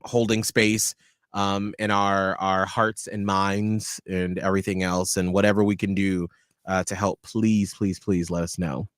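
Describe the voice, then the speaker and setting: A man's voice: lowish voice, smooth, dry recording, clean studio sound. A man co-hosting a radio show, talking earnestly and reflectively in long, run-on thoughts. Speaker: radio co-host. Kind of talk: casual radio show chat.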